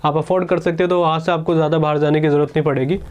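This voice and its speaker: A man's voice: fairly high pitch, steady tone, a little mellow, clean tone. A man teaching exam strategy in a casual, chatty lecture, often checking in with his students. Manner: quick, chatty, keeps saying "ठीक है".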